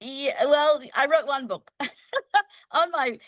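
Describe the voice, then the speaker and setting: A woman's voice: high voice, lively intonation, slow, a bit bright, no echo. Chatty Malaysian-born woman, dry sound. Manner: chatty, laughs often. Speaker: guest local guide. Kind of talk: casual livestream interview.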